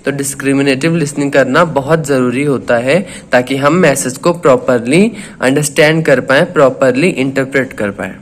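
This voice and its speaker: A man hosting his own channel, explaining a lesson step by step and reading definitions slowly before restating them. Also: medium pitch. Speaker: teacher and channel host.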